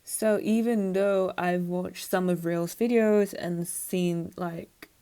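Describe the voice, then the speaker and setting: A woman's voice: on the low side, steady tone, slow, mellow, clean tone. Woman vlogger, casual rambling monologue, self-mocking, plenty of fillers.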